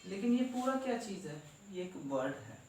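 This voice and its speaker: A man's voice: high-pitched, big pitch swings, moderate pace. A man teaching an English grammar lesson, asking questions and answering them himself and spelling out letters one by one. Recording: echoey room, voice from far off, faint noise.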